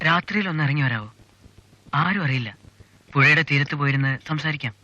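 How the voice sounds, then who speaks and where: A man's voice: fairly high pitch, lively intonation, fairly quick, sharp tone. An actor playing a persistent, teasing young man who keeps coaxing a girl, insistent in manner. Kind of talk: film dialogue. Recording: dull lo-fi film audio.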